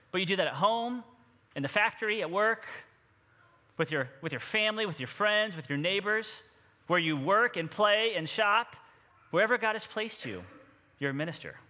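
A man preaching a sermon as pastor of a church, energetic and drawing the congregation into responses. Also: high-pitched. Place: church sanctuary. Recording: long hall reverb.

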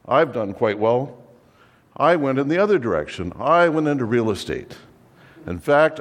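A man playing a fussy biblical-era undertaker who pitches his business with exasperated, theatrical sales patter. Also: big-room sound, natural voice. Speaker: comic monologue performer. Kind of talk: comic character monologue.

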